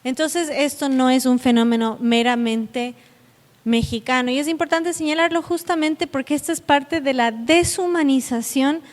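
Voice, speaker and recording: A South American woman lectures to an audience in a conference hall, her voice sitting high and her pace normal. She comes across as earnest and direct, while the hall adds long, echoing reverb to the recording.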